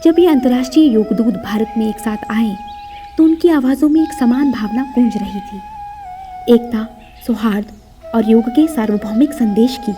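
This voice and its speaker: A woman giving formal, measured scripted narration for a government podcast. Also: a little high, dark tone, faint music behind.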